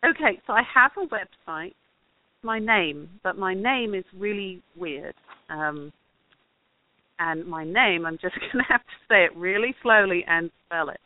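A woman's voice: lowish voice, lively intonation, a little slow, no echo. A woman from England, a documentary grant writer talking as a guest in a casual interview, thoughtful and rambling with many fillers. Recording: dry tinny phone line.

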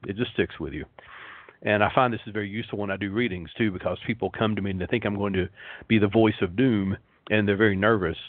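A man with a resonant, relaxing voice, hosting a rambling talk show in a slow, soothing hypnotist manner. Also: fairly low pitch, fairly even intonation. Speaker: show host. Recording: phone-like internet radio line, roomy echo.

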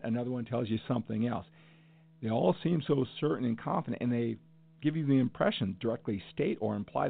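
Earnest man with a gravelly voice, tinny audio. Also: mid-range voice. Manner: earnest, emphatic, repeats phrases for emphasis. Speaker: podcast host. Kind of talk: passionate solo podcast monologue.

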